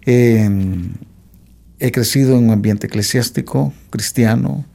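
Gravelly-voiced man telling his life story. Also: on the low side, mellow. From Mexico. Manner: hesitant, with frequent "eh" fillers and restarts. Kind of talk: testimony in an interview.

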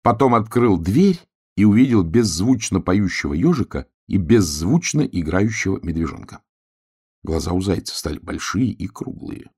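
A man reading a children's storybook tale aloud, with expressive, animated storytelling. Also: deep voice, moderate pace, slightly rough. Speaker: narrator.

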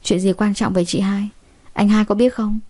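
A woman's voice: mid-range voice, level tone, moderate pace, mellow, lightly acted. A woman voicing a worried, polite young man in an audiobook story, asking anxious questions. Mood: concerned.

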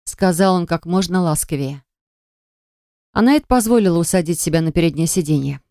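A woman's voice: on the low side, a little mellow, no room sound, studio quality. A woman reading a novel aloud as an audiobook narrator, telling it evenly and dramatically.

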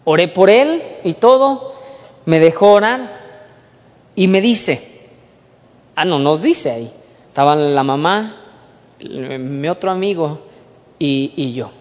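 A man with a Mexican accent preaching a sermon, moving from soft, hushed storytelling to emphatic preaching. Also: a little high, expressive, takes it slowly, long pauses. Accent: Mexican Spanish. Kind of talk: sermon with personal testimony. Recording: long hall reverb.

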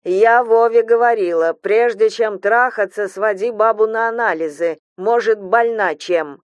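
A spiteful older mother-in-law, put on by a woman reading aloud, drawls her words slowly and coldly with a hissing edge. Her voice sits in a middle register, close and dry with no room around it. She sounds contemptuous, as in a spoken horror audiobook. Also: medium pitch, expressive, no echo, muffled recording, lightly acted. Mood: venomous. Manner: slow, cold, hissing and contemptuous. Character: harsh cruel older mother-in-law, venomous.

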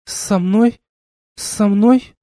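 A man's voice: high voice, fairly even intonation, extremely slow, mellow, no echo, studio quality, voice pushed up. A man reading an audiobook, voicing a confused, ashamed young woman crew member in a raised voice. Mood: bewildered.

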